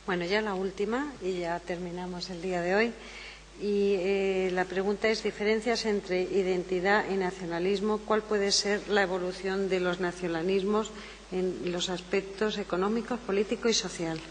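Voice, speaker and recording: A woman's voice: medium pitch, steady tone, moderate pace. A woman moderating a conference Q&A. She reads out the audience questions and trades light banter with the speaker. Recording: reverberant hall with faint hiss.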